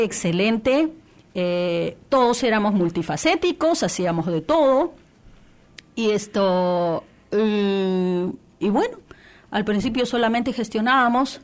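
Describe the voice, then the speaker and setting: A church radio coordinator from Peru gives an earnest testimony in an interview, often restarting her sentences and using many fillers. Her voice is mid-range.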